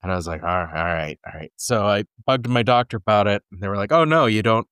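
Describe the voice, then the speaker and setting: Man, 40s, lower pitch, dry teasing humor, relaxed podcast chat, dry close sound. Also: quick pace, clean tone, dry recording. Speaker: podcast co-host. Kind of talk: casual chat.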